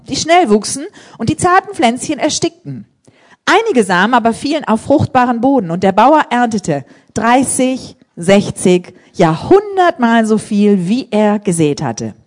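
A woman preaching a sermon in a church service, telling testimonies in an animated, emphatic way and rising to loud appeals. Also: fairly high pitch, moderate pace.

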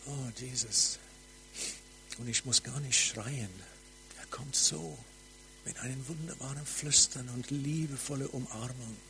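A man with as his delivers a charismatic sermon at an unhurried, deliberate pace. His voice sits at a middling pitch, fervent and warm in intent, often falling to hushed, intimate appeals. A faint mains hum runs underneath the recording. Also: vocal fry, rough recording. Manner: slow, fervent, drops to soft near-whispers. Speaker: preacher. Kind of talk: charismatic sermon with prophetic ministry.

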